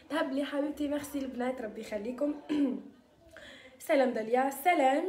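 Algerian woman hosting a casual live stream, high-pitched and quick, mixing in French words, in an echoey room. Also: a little mellow. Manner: chatty, sprinkles French words. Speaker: live-stream host selling beauty mixtures. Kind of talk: casual live-stream chat reading viewer comments.

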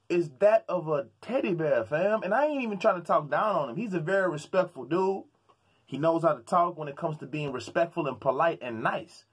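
A man's voice: on the high side, slightly rough. A man from Houston, Texas, ranting about sports as a vlogger in a fired-up, slangy way, often stammering and repeating words. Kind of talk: sports commentary rant.

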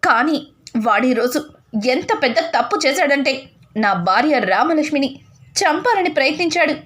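A woman plays a young husband in a rage at his brother, pressing him again and again for a reason. The voice sits high. It is a storybook-style retelling of a family drama. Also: animated, moderate pace, a bit bright. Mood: reproachful. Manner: demanding, repeating questions.

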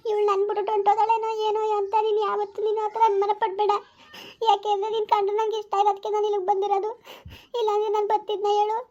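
Woman playing Sushila, a very high, sobbing village wife. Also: warm tone. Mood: pleading. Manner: wailing, lamenting in sobs. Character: tearful pregnant village wife, regretful. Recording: slightly dull lo-fi recording.

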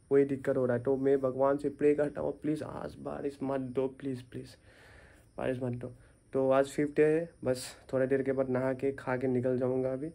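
एक युवा आदमी कमरे में फ़ोन पकड़कर अपने दिन के बारे में बिखरे ढंग से बात करता है, बीच-बीच में बार-बार "मतलब" कहता है।. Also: male voice, medium pitch, dark tone. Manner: rambling, many fillers, tired. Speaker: vlogger and teacher. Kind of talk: casual vlog to camera. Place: small room indoors. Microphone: phone at arm's length.

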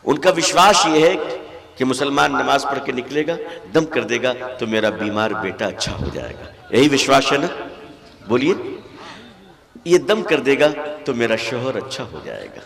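A man, an Islamic cleric, giving an impassioned sermon at a religious school gathering, telling stories and swinging from soft talk to loud exhortation. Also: medium pitch, expressive, creaky, long reverb tail.

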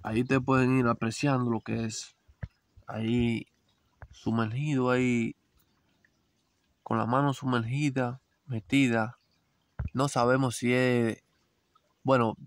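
A middle-aged man narrating live as a vlog host, talking to viewers outdoors by a forest stream with halting, repetitive commentary. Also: medium pitch, no echo. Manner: talks to viewers, repeats phrases, halting restarts. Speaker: vlog host narrating a crab-fishing outing.

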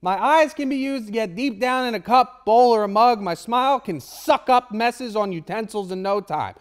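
A man's voice: high-pitched, normal speed, clear, resonant tone, natural voice. A man voicing a cocky, trash-talking sponge candidate, smug and slangy, in a comic mock debate. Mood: boastful.

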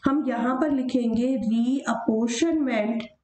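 A woman teacher with a little high, dark-toned voice narrates over her handwritten screen notes, working through a problem. She reads the question slowly word by word, then explains step by step, asking questions and answering them herself, with roomy, poor audio.

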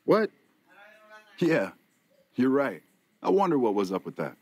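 An actor playing a jaded, foul-mouthed, streetwise casino hustler in a video game, blunt and defensive, with a husky voice. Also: male voice, mid-range voice, very animated, unhurried, a little mellow, a little hiss or hum. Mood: wary. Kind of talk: video game character dialogue.

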